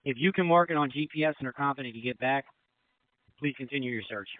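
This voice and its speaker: A man acting as incident commander, giving brisk, directive orders over a marine radio channel. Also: mid-range voice, no room sound, phone-quality sound. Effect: marine radio transmission. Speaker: river branch incident commander. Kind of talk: emergency radio dispatch.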